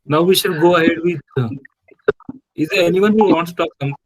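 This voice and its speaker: A man's voice: on the high side, fast talker, low-quality recording. A man giving an online literature lecture. He explains step by step, with many fillers like "okay" and "means". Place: home, recorded over a video call. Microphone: computer or headset mic on a video call.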